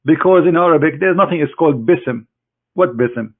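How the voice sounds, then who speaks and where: A man with a slightly high voice speaks at a moderate pace through tinny, phone-like sound. As a religious critic running a screen-share, he mocks his opponent directly, full of scorn and sarcasm.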